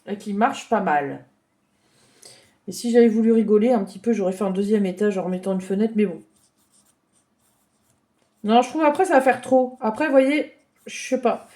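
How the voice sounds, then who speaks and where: A woman giving a gentle, chatty drawing lesson for children, thinking aloud as she tells a story. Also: mid-range voice, moderate pace, long pauses.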